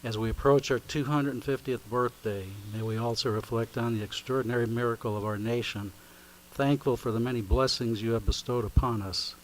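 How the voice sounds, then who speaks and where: A man leading a formal spoken prayer at a county meeting, speaking at a lectern microphone in a solemn, measured, recited way. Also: mid-range voice, steady tone, slight background noise, low-quality recording. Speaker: invocation leader at a county meeting.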